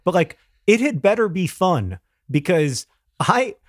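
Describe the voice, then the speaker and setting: Male podcast co-host, thin and slightly worn voice on the higher side, casual and earnest, dry sound. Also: very animated, unhurried, no room sound.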